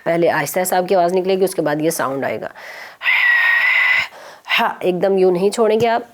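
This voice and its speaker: Patient woman teaching children to read. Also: fairly low pitch. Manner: patient, encouraging, drills letter sounds slowly. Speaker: children's Quran reading teacher. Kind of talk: televised phonics lesson for children.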